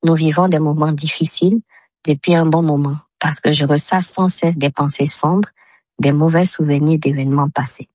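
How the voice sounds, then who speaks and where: A woman in her thirties from Mali, leaving a recorded message for a radio show with her voice altered by a voice changer, reading it out in a measured, steady way. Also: low-pitched, no echo. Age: 30s. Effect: voice disguised with a voice changer. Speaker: caller to a health radio show. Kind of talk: recorded message read aloud.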